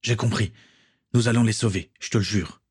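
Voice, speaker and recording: A man reading an earnest, protective young man in a storybook, low and husky. Plain and steady, close to the reader's own voice. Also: a little fast, no echo. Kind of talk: audiobook character voice.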